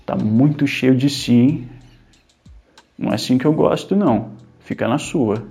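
Brief: man doing a swaggering rough bricklayer in a told story, gravelly and condescending. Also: medium pitch, a little slow, mellow, soft background music. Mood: menacing. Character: cocky, rough adult male bricklayer.

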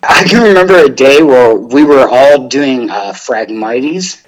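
A husky young man talking as a podcast guest, his voice a bit breathy and rough. He rambles loosely, peppering his sentences with "like" and restarts. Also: mid-range voice, expressive, a little slow, rough recording. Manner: rambling, full of "like". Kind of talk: casual interview chat.

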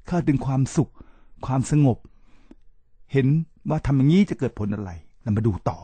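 A middle-aged man hosts a spoken talk show, lecturing his listeners in a preachy tone and speaking to them directly again and again. His voice is dark and a little husky, a touch higher than most men's. It is recorded close and dry with no room sound. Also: no room sound. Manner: preachy, repeats address to listeners, spells out English terms. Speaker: podcast host.

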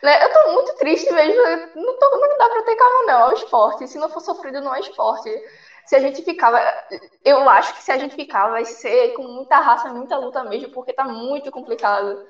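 A woman with a high voice calls in to a sports show and rambles anxiously. The sound is muffled and echoey, as if carried over a dull call line. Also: lively intonation, fairly quick. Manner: rambling, anxious, filler-heavy. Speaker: fan calling in to a sports show. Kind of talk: casual call-in chat.

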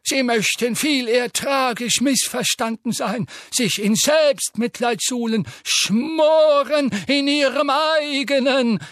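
A man's voice: very high-pitched, slow pace, few pauses, fairly bright tone, no room sound, clean studio sound, pitched above the performer's own voice, full character voice. Phineas, a man doing a sneering old wizard portrait. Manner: scornful, lecturing.

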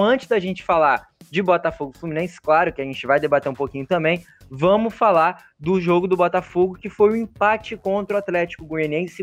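A Brazilian man hosting a sports show conversationally, often adding short check-in tags to his sentences. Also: a little high.

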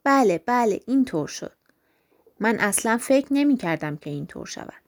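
A woman's voice: on the high side, big pitch swings. A woman voicing a timid, poor male clerk who pleads anxiously in a storybook reading. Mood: dazed.

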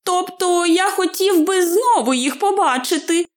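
A woman voicing a sleepy, eager little male hobbit in a high, drowsy voice. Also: unhurried.

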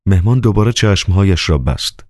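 Very deep-voiced male audiobook narrator. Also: lively intonation, darkish tone, no echo, studio quality. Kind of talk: scripted novel narration.

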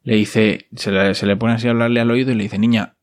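A man's voice: lowish voice, flat delivery, fast. Wry man recapping a series. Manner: wry, casual, ironic asides. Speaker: host.

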